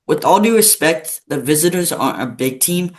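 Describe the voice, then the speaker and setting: A man's voice: a little high, animated. Male host asking short casual questions. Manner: short, plain questions and quick replies. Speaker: interview host.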